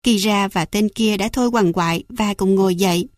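A woman's voice: mid-range voice, moderate pace, no echo, studio quality. A woman reading a first-person fantasy audiobook, narrating in a dramatic, emotional way.

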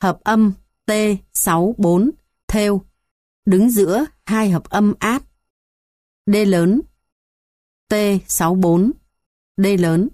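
A woman reading a music theory textbook aloud in an even, measured way, going through numbered points. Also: medium pitch, no echo, clean studio sound. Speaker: textbook reader.

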